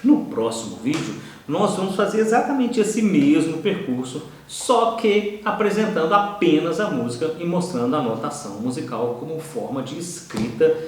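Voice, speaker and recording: A Brazilian man with a Brazilian Portuguese accent teaching an online course, who keeps checking in with quick "ok?" and "tá?" asides. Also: a little high, animated, a little mellow, far from the mic. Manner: explanatory, frequent "tá?" and "ok?" checks. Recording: echoey room, voice from off-mic.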